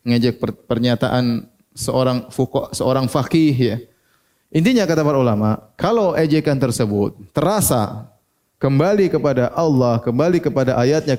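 A man's voice: a little high, dark tone. A man giving a religious lecture, who keeps asking his listeners questions and answering them himself. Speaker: Islamic preacher.

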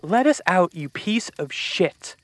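A man voicing a fierce young woman, raising his voice in a strained, shouting way. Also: high voice, expressive, slow, noisy background, pitched above the performer's own voice. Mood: furious.

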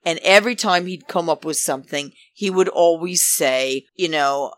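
A woman's voice: on the low side, moderate pace, a bit bright, no echo. Chatty rambling woman, dry close sound. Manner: rambling, chatty, calls listeners darlings; acts out quoted speech. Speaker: reality show commentator. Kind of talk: casual chat.

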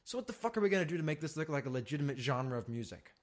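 A man's voice: a little high, very animated, racing. Laid-back young man telling a profane story. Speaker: podcast co-host. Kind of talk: casual storytelling chat.

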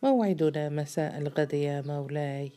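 Woman doing a careful polite clever guy, low warm voice, storybook. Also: normal speed, close to an everyday voice. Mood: guarded. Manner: polite and guarded. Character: wary, clever adult man. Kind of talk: audiobook story reading.

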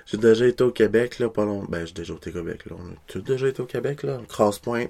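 Man, New Brunswick French accent, fairly low voice, casual swearing, podcast chat. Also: fast talker, creaky, mellow. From New Brunswick, Canada. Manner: casual, swears often, laughs easily.

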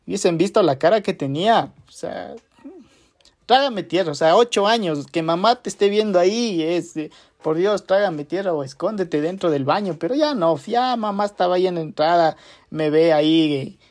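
A man recounting a childhood memory in relaxed, everyday speech. He circles back on his own words, repeats key phrases for emphasis and fills gaps with small connecting words. It sounds like a casual chat with listeners. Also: a little high. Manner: rambling, repeats phrases with many fillers. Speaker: storyteller. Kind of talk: casual personal anecdote.

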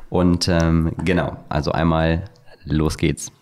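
A man's voice: a bass voice, little pitch movement, slow, darkish tone, a little hiss or hum. A man hosting a podcast interview, asking loose questions with frequent fillers. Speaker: podcast host. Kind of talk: casual interview chat.

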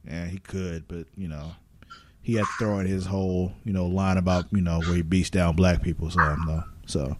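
A man's voice: deep voice, fairly even intonation, normal speed, a little mellow, a little hiss or hum. A man co-hosting a podcast, casually recapping TV episodes in loose, profane storytelling. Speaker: podcast co-host.

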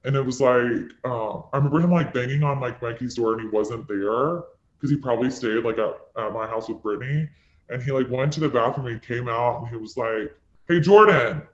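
A young adult man spins a dramatic personal story, rambling and peppering it with "like." His voice sits at an ordinary middle pitch. The recording is dull and lo-fi. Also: fairly even intonation, a little fast, reverberant. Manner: rambling, full of "like" fillers, dramatic retelling. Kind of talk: casual storytelling.

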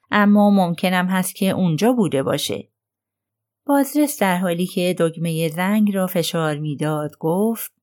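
A woman's voice: lowish voice, darkish tone. A woman narrating a crime novel as an audiobook, voicing the characters lightly in her own voice. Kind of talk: reading a crime novel aloud.

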